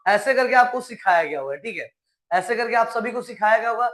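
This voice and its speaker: High-voiced teacher coaxing his class. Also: expressive, fairly bright tone. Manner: coaxing, asks questions then answers them; drawn-out recited vowel sounds. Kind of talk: live online class lesson.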